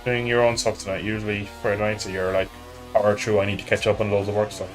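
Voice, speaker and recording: A quick-paced Irish man with a fairly low, level voice chats over soft background music. Streaming a motorbike racing game, he jokes, wanders from topic to topic and pokes fun at himself.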